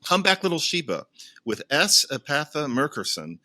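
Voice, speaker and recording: A man's voice: fairly high pitch, big pitch swings, moderate pace, pushed and bright. A man in his fifties, a podcast guest, giving opinionated, emphatic critique in casual chat. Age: 50s.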